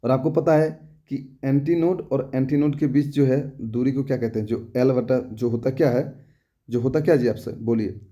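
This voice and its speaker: A young adult man with a mid-range, mellow voice teaches an exam-prep lesson casually at normal speed, his intonation fairly even and the recording muffled. He tends to repeat himself, uses homely examples, and keeps asking rhetorical questions to check whether students have understood.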